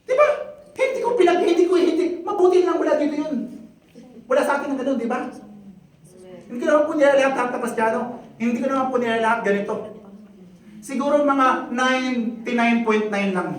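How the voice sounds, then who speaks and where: A man preaching a sermon in Filipino, rousing and joking with the congregation, often shouting. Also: extremely high pitch, fairly quick, pauses often. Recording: echoey hall, voice from a distance.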